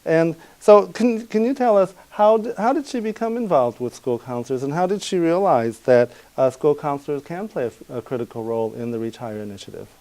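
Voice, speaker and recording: A man's voice: fairly high pitch, fairly quick, few pauses, a little mellow, poor audio. A man hosting a webinar interview, asking questions politely with many hesitations and restarts.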